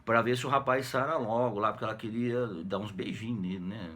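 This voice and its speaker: A man's voice: lowish voice, fairly even intonation, fairly quick, fairly bright tone. A man with a Brazilian Portuguese accent, a teacher casually retelling a classic novel for students, slangy and jokey, always tagging "né?". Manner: jokey, slangy, constant "né?" tags, acts out characters' lines. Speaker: literature teacher.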